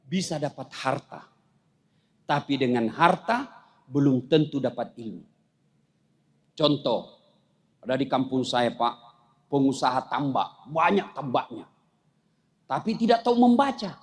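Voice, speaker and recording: A man preaching a humorous sermon with animated storytelling and jokes. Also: medium pitch, a little slow, pauses often. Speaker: Islamic preacher.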